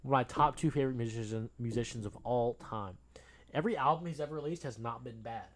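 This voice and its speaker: A young man co-hosting a podcast, chatting casually in a relaxed, rambling way with lots of fillers. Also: medium pitch, fast talker. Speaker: podcast co-host. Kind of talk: casual chat.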